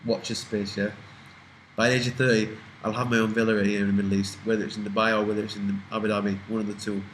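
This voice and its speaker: Young UK man in his twenties, slightly low pitch, loose rambling vlog talk with cursing, light background hiss. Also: little pitch movement, fast talker, a bit bright, poor audio. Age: 20s. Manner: rambling, swears freely, trails off and restarts. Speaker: vlogger answering viewer questions. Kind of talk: casual Q&A chat.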